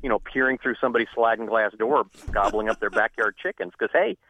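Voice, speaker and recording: A man who is a journalist and author, guest on a radio interview, an animated storyteller who laughs often. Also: lowish voice, fast, a little hiss or hum, rough recording.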